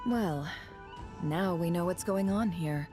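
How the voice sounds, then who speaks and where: A woman's voice: fairly low pitch, slow pace, over music. An actress playing a composed, analytical female adventurer in a video game. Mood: serious, thoughtful.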